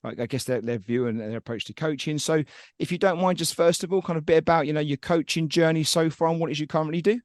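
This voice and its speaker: Fast-talking male podcast host, chatty. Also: on the high side, no echo, clean studio sound. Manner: chatty, rambling, friendly. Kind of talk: casual podcast interview.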